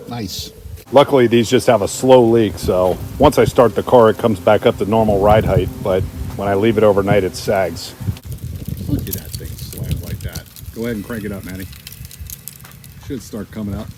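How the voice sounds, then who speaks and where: A man's voice: on the low side, steady tone, normal speed, noisy background. A man hosting a casual car vlog, chatting upbeat about the cars in his workshop. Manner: upbeat, chatty commentary while showing cars. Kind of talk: casual garage vlog narration.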